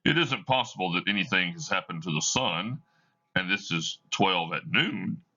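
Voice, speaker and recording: A man's voice: low voice, expressive, moderate pace, pushed and bright, dull audio, heavily acted. A man voicing an old miser, speaking in an agitated, questioning way. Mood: alarmed. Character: old male miser, startled and fretful.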